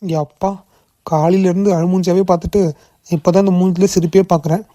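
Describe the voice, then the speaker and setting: Woman doing a kind young boss guy, gentle and coaxing, mellow dark voice, dry sound. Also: fairly low pitch, steady tone, fast, no echo, close to an everyday voice. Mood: reassuring. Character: young adult male boss, kind and reassuring. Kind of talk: cartoon voice acting.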